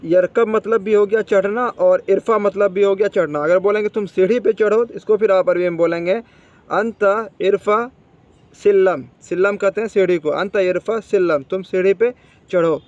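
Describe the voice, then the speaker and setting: A man's voice: high voice, normal speed, a little mellow, no room sound, highs cut off. A man teaching spoken Arabic vocabulary, repeating each word and quizzing the listener.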